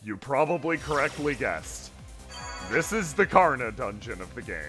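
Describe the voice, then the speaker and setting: A man's voice: medium pitch, sing-song, moderate pace, fairly bright tone, soft background music. A man streaming a game, joking around and reading the dialogue aloud in playful voices. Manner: playful, jokey, does voices. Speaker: let's play streamer.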